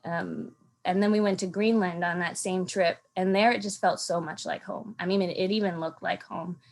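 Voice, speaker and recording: A woman's voice: lowish voice, fairly even intonation, normal speed. A young woman from Alaska, a podcast guest, talking earnestly about travel and home in a casual interview with frequent ums. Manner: earnest, thoughtful, many ums.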